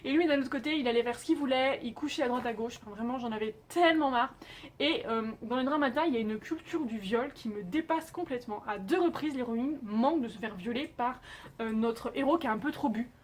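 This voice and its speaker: A woman's voice: a little high, a little fast. A young woman chatting casually as she reviews TV dramas, emphatic, with frequent filler sounds.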